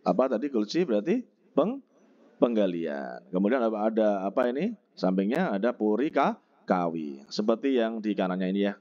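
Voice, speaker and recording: A man teaching a textbook vocabulary lesson, slowly explaining and repeating each word and its pronunciation. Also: lowish voice, sing-song, dark tone, highs cut off. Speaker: Korean language teacher.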